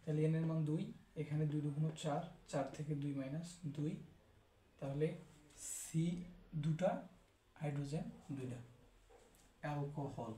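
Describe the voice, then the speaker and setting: A man teaching chemistry in a steady, explanatory way, repeating each term as he goes. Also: on the high side, moderate pace, long pauses. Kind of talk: classroom lecture. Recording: echoey room.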